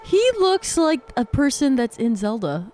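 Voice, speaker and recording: A woman's voice: fairly high pitch, very animated, measured pace, dark tone, faint music behind. A woman co-hosting a gaming podcast, telling stories in a chatty, meandering way. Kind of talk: casual storytelling chat.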